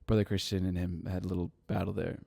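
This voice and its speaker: A man's voice: low voice, flat delivery, fast talker, vocal fry, warm tone, dry recording, clean studio sound. A man interviewing a guest in an informal, joking, loosely meandering chat.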